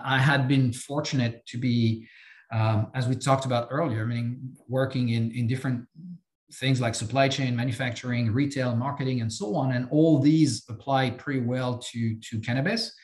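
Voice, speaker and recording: This is a podcast guest: a chief executive from France, in his fifties, with a French accent. His mid-range voice carries reverberation, and his speech is halting, peppered with fillers and repetitions.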